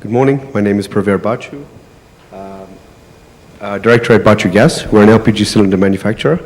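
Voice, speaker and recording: A man's voice: lowish voice, brisk. A man introducing himself and his manufacturing firm on a conference panel in a businesslike way. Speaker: panelist, manufacturing company director. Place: large indoor conference hall. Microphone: handheld microphone. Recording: reverberant conference hall PA.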